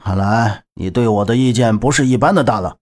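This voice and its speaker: A man's voice: lowish voice, fairly quick, close to an everyday voice. A man doing a cold, aloof young man. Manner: cold, flat, detached.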